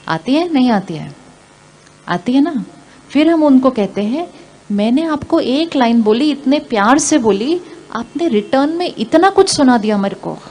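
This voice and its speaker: A woman spiritual teacher giving a calm, gentle spiritual talk, asking her listeners questions and repeating phrases slowly for emphasis. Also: medium pitch.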